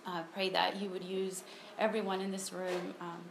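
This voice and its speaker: A woman's voice: mid-range voice, level tone, normal speed, gravelly. A woman from Honduras in her thirties giving a casual personal testimony at a church meeting, talking with many ums and restarts, recorded on a phone. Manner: conversational, frequent ums and restarts. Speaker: speaker at a church ministry meeting. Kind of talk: personal testimony talk with prayer. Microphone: phone recording on a table. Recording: echoey room with noticeable background noise.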